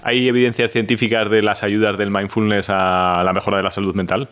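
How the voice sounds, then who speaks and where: A man's voice: lowish voice, level tone, fairly quick, fairly bright tone, smooth. A man hosting a podcast interview, curious, asking short follow-up questions. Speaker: podcast host. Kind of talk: conversational interviewing.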